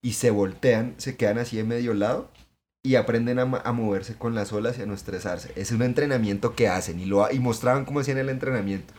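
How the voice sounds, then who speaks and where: A man, co-hosting a podcast in casual chat, talking in an excitable, emphatic way with plenty of swearing. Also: mid-range voice, fast talker. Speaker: podcast co-host.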